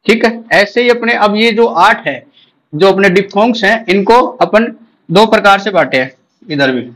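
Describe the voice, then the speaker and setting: Indian male teacher, high voice, drilling exam questions. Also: lively intonation, moderate pace, fairly bright tone, rough recording. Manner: drills with repeated questions and answers. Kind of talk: exam-prep lecture.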